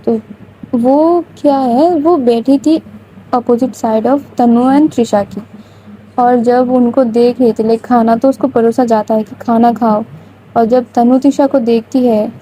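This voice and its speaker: A woman's voice: on the high side, fairly even intonation, dark tone, slight background noise, rough recording. A woman casually retelling a love story in a chatty, informal way. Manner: chatty, informal, frequent English fillers.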